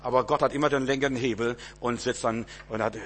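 A man preaching a sermon, emphatic and repetitive, asking rhetorical questions and swinging between loud proclamation and low, quiet passages. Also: steady tone, fast.

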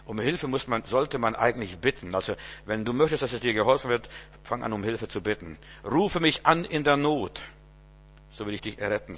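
German-speaking pastor preaching casually. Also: male voice, mid-range voice, fairly bright tone, slightly rough. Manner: conversational preaching, rhetorical asides, repeated stammered words. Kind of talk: informal sermon.

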